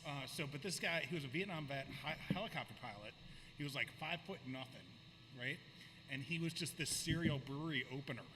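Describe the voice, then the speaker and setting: A man hosting a brewery podcast, telling stories in relaxed casual chat with lots of fillers. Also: a little high, fairly quick. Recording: noisy room ambience.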